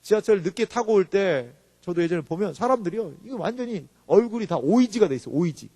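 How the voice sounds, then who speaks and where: A male pastor giving an animated sermon, acting out quoted voices and rising to shouts. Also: high voice, fast. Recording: long reverb of a hall.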